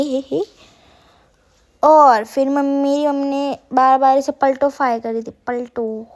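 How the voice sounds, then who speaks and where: Young woman, sore throat, high-ish voice, playful self-mocking vlog voice-over. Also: darkish tone. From Uttarakhand hills, India. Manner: chatty, self-mocking, addresses viewers as guys. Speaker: vlogger. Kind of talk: casual voice-over narration.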